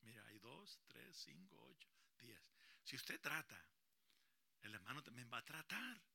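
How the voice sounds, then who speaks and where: A male pastor preaches with a swooping, lively pitch and a gravelly edge in his voice. He keeps the congregation and children involved, having them repeat lines back to him. The sound is close and dry, with no room echo. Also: measured pace. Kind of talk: lively bilingual sermon to a congregation. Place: church service.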